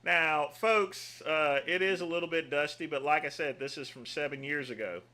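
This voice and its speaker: A man from North Carolina hosts a casual livestream in a loose, rambling way. His voice is bright and a touch high for a man. He drops self-mocking asides between thoughts. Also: moderate pace. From North Carolina, USA. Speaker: livestream host.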